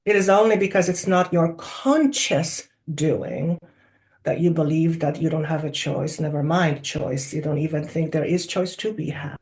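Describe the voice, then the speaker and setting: A person voicing a channeled collective of wise spirit guides, like a seance medium in trance, deliberate and oracular with drawn-out emphasis and rhetorical questions. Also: mid-range voice, darkish tone, close to an everyday voice. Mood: solemn, instructive. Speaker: channeler speaking as a council of spirits.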